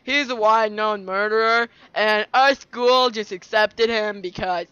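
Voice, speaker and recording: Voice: medium pitch, fairly even intonation, unhurried, pushed and bright, smooth, lo-fi sound, pitched below the performer's own voice. A player doing an echoing goofy school doctor. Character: goofy self-styled male school doctor. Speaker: roleplay player. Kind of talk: improvised game roleplay.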